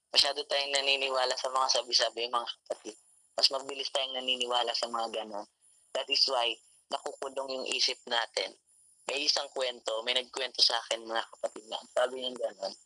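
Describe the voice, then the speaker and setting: A man's voice: mid-range voice, pushed and bright, dry recording, rough recording. A man giving a Taglish sermon at an online devotion, often repeating "mga kapatid" to his listeners. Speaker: youth devotion speaker. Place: home, online meeting room. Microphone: call mic.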